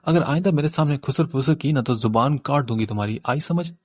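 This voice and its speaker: In a clean studio recording with no room sound, a male audiobook reader lightly acts out a hot-tempered young woman. His darkish voice moves from her tearful sobbing complaints to bossy, shrill threats.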